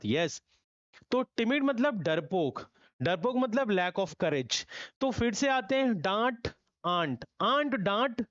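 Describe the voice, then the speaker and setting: A young man teaching vocabulary in a lively class, repeating key phrases and quizzing his students. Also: high-pitched, no room sound, muffled recording. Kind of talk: lively online classroom lesson.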